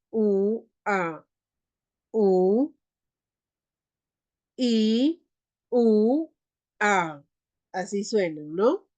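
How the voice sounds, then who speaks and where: A woman teaching an online class, leading slow pronunciation drills and calling on students. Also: medium pitch. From Peru. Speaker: Quechua teacher.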